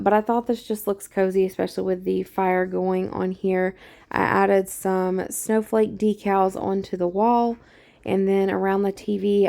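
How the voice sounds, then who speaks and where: A woman's voice: mid-range voice, gravelly, darkish tone. A young woman, chatting casually while walking through her home with a handheld camera and laughing often. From Louisiana. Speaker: vlogger.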